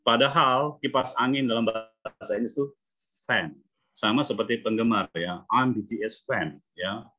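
A man from Indonesia teaching English phonics in an online class, repeating example words and confirming each point with a quick "ya". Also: medium pitch, sharp tone, muffled recording. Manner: repetitive, affirming with "ya", demonstrates sounds. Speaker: English coach. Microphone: video call.

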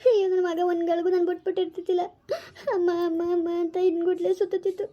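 A woman's voice: sits high, monotone, mellow, close to an everyday voice. A woman playing a distraught young mother whose little son is missing, sobbing and pleading in a village family skit. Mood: wailing. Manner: sobbing, pleading, rapid speech. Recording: dull lo-fi recording.

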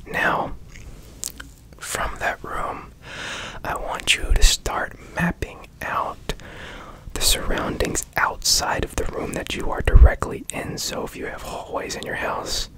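This is a slow-paced ASMR meditation led by a man in a breathy whisper, his soothing guidance delivered close to a studio microphone. The audio is poor.

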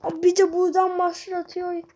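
High-voiced child narrating a game. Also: a little fast. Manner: excitable, talks to self while playing. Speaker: gamer. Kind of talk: gameplay commentary.

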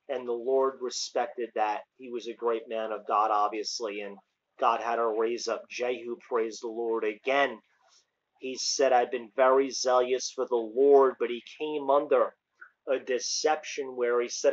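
This medium-pitched man, a middle-aged American preaching informally as an evangelist, reads scripture and emphatically exhorts listeners in colloquial language during an online sermon. He records outdoors on a covered house porch with a phone or webcam at arm's length, and the result is muffled.

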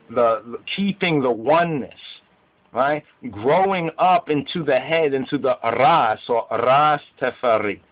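A man's voice: medium pitch, muffled recording. A man teaching scripture in Rastafari speech, repeating phrases emphatically and checking in with his listeners as he goes. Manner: emphatic repetition, checking in with "right?". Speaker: religious teacher.

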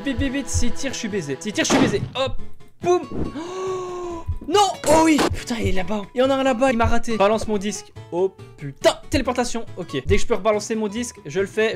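A man in his twenties giving excited, slangy let's-play commentary, exclaiming and cursing as he plays. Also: high-pitched. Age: 20s. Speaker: gaming video host. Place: small room at home. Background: music.

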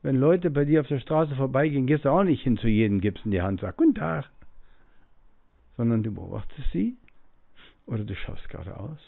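A man's voice: mid-range voice, a little fast, gravelly, no echo. A man giving a spiritual teaching in a musing way, acting out the voices of the people he quotes and breathing audibly as he talks. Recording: tinny phone-like audio, dry.

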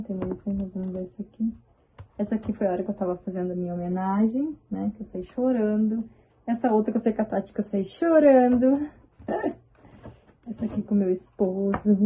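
A woman vlogger chatting excitedly as she shows her photo album, with drawn-out exclamations. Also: mid-range voice, husky. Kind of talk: casual chat showing a photo album. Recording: tinny, phone-like sound.

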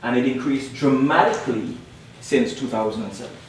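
A young man from Guyana, speaking a little fast at medium pitch, gives an academic panel presentation. He drives home key points by repeating them and keeps asking "all right?" The lecture room sounds very echoey, recorded from afar with faint background noise.

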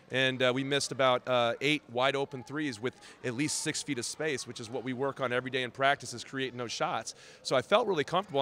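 A male head basketball coach giving quick, analytical postgame answers with frequent "you know" fillers. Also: mid-range voice, fairly bright tone, a little hiss or hum. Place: outdoors.

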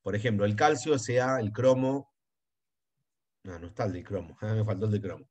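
A low-voiced Argentine man teaching chemistry over a video call. He talks in a chatty, enthusiastic way and keeps dropping into quiet asides to himself. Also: a little fast. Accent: Argentine Spanish. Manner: chatty, enthusiastic, asides under his breath. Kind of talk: online chemistry class.

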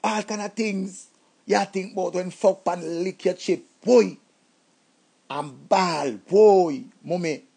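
A man's voice: high-pitched, slow, creaky, slightly rough. A man with a Jamaican accent, telling comic stories about his past and acting out the voices of the people in them. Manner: animated, acts out voices, shouts and laughs. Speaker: comedic storyteller. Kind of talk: comic storytelling.

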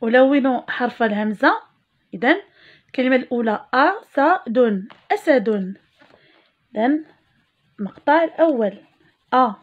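A woman teacher with a Moroccan accent, giving a reading lesson for young children and stretching words slowly syllable by syllable. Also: fairly high pitch, expressive. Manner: slow, drawn-out syllables when modelling words. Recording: dull lo-fi sound.

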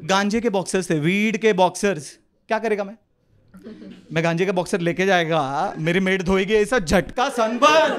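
A young man with a Mumbai Hindi accent doing an animated stand-up set on a club stage, swinging his voice into quick street characters. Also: sits high. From India. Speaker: stand-up comedian. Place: comedy club stage with live audience. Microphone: handheld stage mic. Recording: live club recording with audience laughter.

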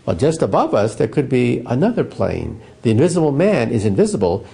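An American physicist, a guest in an interview, explains science as an animated, emphatic storyteller. His voice is medium-pitched and a little fast, with some vocal fry.

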